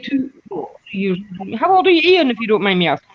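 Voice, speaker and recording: A man in his fifties with a high voice, ribbing his mates and laughing at his own jokes. The recording sounds dull and lo-fi. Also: big pitch swings, fast talker, a crowd in the background. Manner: teasing, laughs often. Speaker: regular in a chat among friends. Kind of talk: casual banter.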